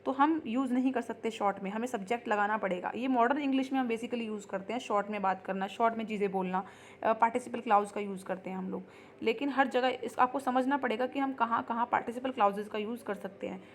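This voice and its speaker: A woman teaching English grammar in an online lesson. She explains in Hindi, reads the English example sentences slowly and keeps checking in with her students. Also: a little high, a little hiss or hum. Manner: repeats ठीक है as a check-in.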